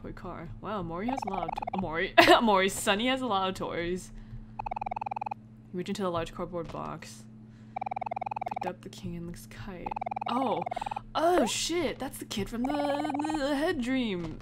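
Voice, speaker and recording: With a medium-pitched voice, lively intonation and a measured pace, a woman provides let's play commentary, reading the game's text and reacting with informal asides. Clicks and heavy noise sit behind her.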